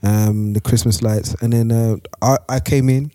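A man with a London accent co-hosting a podcast, chatting casually and haltingly with some slang. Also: medium pitch, fairly even intonation, warm tone, no room sound, studio quality. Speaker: podcast co-host. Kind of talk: casual chat.

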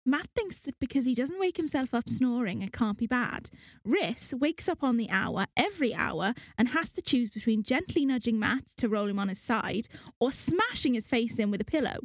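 A woman's voice: fairly high pitch, animated, normal speed, hardly any pauses, no echo. A woman putting on an exaggerated Welsh accent to read out a listener's letter, playfully. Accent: put-on Welsh.

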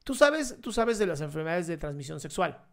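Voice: mid-range voice, fast talker, creaky. An advice show host who cuts in bluntly and calls the caller by pet names. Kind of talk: frank advice talk.

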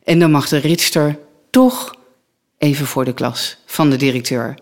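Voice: mid-range voice, a little slow. An interviewer in a conversational interview who chattily retells a story, with frequent fillers.

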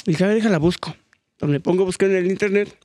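An older man with a Mexican accent, a DJ telling stories in a casual studio interview, slangy and animated. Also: high voice, racing, dry recording. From Mexico City. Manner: animated, slangy, acts out quoted voices. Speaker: DJ guest. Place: radio studio.

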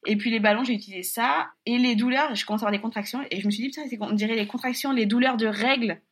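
A young woman telling a personal story in casual chat, lively, laughing often and swearing offhandedly. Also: fairly high pitch, rapid-fire.

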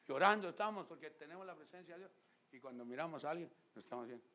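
A man preaching a lively, humorous sermon in a church, chatting casually with the congregation and mimicking people in high, squeaky voices. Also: quick pace. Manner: colloquial, addresses listeners with "vos". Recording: gravelly voice, faint background noise.

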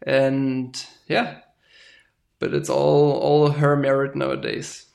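A man, a farmer guest talking casually and haltingly, often ending with "right?". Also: mid-range voice, monotone, vocal fry, a little mellow. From Germany. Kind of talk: casual interview talk.

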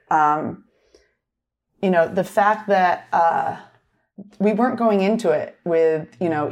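A middle-aged woman speaks as an interview guest in a slightly low voice. Her talk runs fast and loose, stitched together with "like" and tag questions such as "right?". She sounds like someone explaining her own work in conversation. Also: darkish tone. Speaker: retail executive guest.

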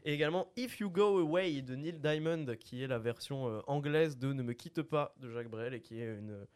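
A man's voice: mid-range voice, moderate pace, clean tone. A young man hosting a casual podcast chat, talking with lots of hesitant fillers. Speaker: podcast host.

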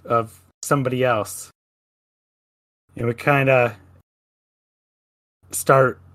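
A man's voice: mid-range voice, no room sound. Man with a dry, close voice. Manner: steady, descriptive scene-setting with "kinda" throughout. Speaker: podcast co-host. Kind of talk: casual chat.

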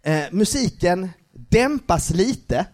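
A man's voice: sits high, expressive, a little mellow. A young man telling a funny story on a live podcast, laughing often and using many filler words.

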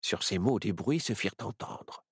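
A man narrating a children's story in an expressive, playful way. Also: lowish voice, moderate pace, husky, no room sound, studio quality.

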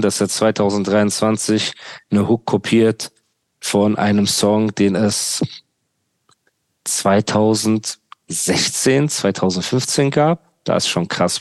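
A man's voice: lowish voice, dry recording. A young man hosting a podcast, ranting sarcastically in casual chat full of street slang. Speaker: podcast host.

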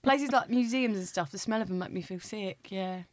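A woman's voice: medium pitch, brisk. British woman bantering, chatter behind her. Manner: jokey, interjecting. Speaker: podcast co-host. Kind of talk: casual banter.

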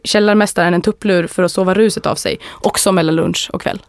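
A woman's voice: fairly low pitch, fairly even intonation, no echo, clean studio sound. A woman with a Stockholm accent telling anecdotes in a frank, colloquial way as a podcast co-host. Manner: frank, colloquial, crude humour. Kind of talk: casual chat, telling anecdotes.

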